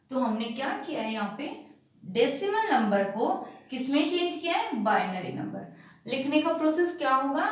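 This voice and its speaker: A woman teaching a class in a high, deliberate voice. She checks often that the class follows, then answers her own questions. The sound is distant and echoey, as if from across a bare room. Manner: asks checking questions and answers them herself; slow and emphatic when spelling out digits. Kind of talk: classroom lesson on binary numbers. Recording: echoey room, far from the mic.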